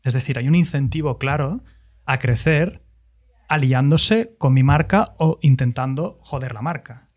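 A man speaking as a podcast guest, reflective and soft-spoken, often restarting his sentences. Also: mid-range voice, unhurried. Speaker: guest youtuber. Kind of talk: casual podcast chat.

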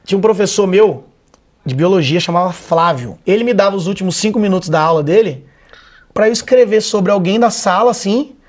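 High-voiced, laid-back comedian man. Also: brisk. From Vitória, Brazil. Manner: relaxed and laid-back, swears often, slangy. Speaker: stand-up comedian guest. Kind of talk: casual podcast conversation.

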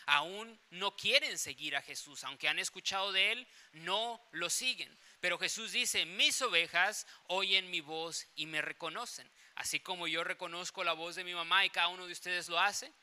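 A man's voice: sits high, sharp tone. A man preaching a sermon, telling stories in an emphatic way and repeating phrases for effect. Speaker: pastor.

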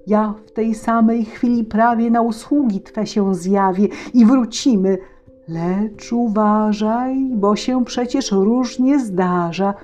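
A woman's voice: mid-range voice, warm tone, pitched above the performer's own voice, lightly acted. A woman voicing a small humpbacked magic horse, stern and wise, giving instructions in rhymed verse for a storybook reading.

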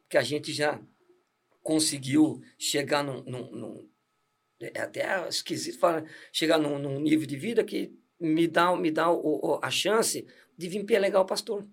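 A man's voice: a little high, a little slow, vocal fry, breathy edge. A middle-aged man, a deacon telling his life story in a casual, laughing way with many restarts. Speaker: deacon giving testimony. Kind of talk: casual testimony chat.

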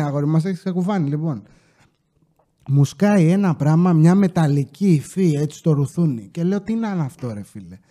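A man telling comic stories from his casino job in a loose, slangy, joking way, with coughs and quick asides. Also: sits high, mellow. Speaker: podcast host telling casino work stories. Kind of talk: casual storytelling monologue.

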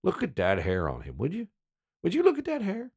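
A man voicing a mocking young local man, rough and scornful. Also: fairly high pitch, wildly swooping pitch, a little fast, a little mellow, voice pushed up, exaggerated voice. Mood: jeering.

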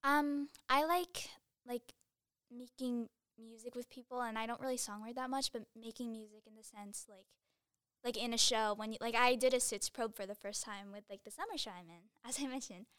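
A woman's voice: a little high, moderate pace, a bit bright, clean tone, no echo, studio quality. A young woman in her late teens, chatting as a guest in a casual interview, giggly and full of fillers.

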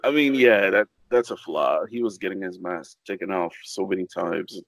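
A man's voice: sits low, moderate pace, vocal fry, no room sound. A young man, a comic creator, chatting casually on a podcast, easygoing and laughing along. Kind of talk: casual chat.

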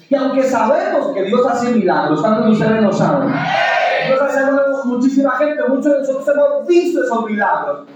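Male preacher, very high voice, fervent sermon delivery building to near shouts, distant mic in a booming hall. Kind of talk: sermon with a testimony. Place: church. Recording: echoey church hall from far off, dull sound.

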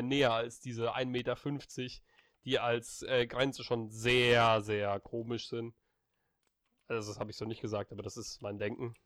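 A man chatting casually with a friend, telling an anecdote in an animated, blunt way full of slang. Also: medium pitch, no echo, clean studio sound.

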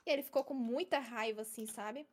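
A woman's voice: fairly high pitch, fairly quick. A young woman casually telling a long personal story, often adding "entendeu?" to check her listeners follow. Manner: chatty, keeps adding "entendeu?".

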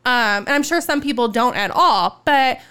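A woman's voice: a little high, lively intonation, moderate pace, pushed and bright, clean tone. A woman in her late twenties in a casual, reflective podcast chat, often using "like" as a filler. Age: 20s. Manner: reflective, heavy use of "like" fillers.

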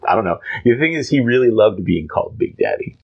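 A man co-hosts a relaxed conversation, describing panels of a comic book as he goes. His pitch swings widely and he keeps a playful, teasing edge. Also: fairly quick, vocal fry, lo-fi sound. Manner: playful, jumps into voices, animated. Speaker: podcast co-host. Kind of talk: casual chat, reading a comic aloud.

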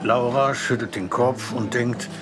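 A man narrating a children's audiobook in a gentle storytelling manner. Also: medium pitch, measured pace. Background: faint music.

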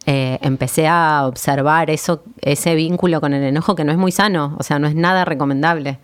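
A woman's voice: low voice, fairly even intonation, brisk, clean tone. An Argentine woman in a casual chat, talking hesitantly with many restarts. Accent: Argentine Spanish.

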